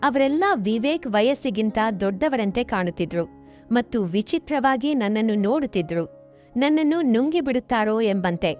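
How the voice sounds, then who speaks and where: Higher-voiced woman narrating a story. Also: animated, moderate pace, darkish tone, soft background music. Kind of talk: scripted first-person narration.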